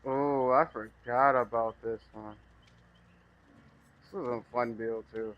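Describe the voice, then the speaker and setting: A male gamer talks through his match in a loose, rambling way, often laughing at his own remarks. His voice sits at an ordinary middle pitch. The recording is muffled and lo-fi. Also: fairly even intonation, slow. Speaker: gaming streamer. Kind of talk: casual gameplay commentary.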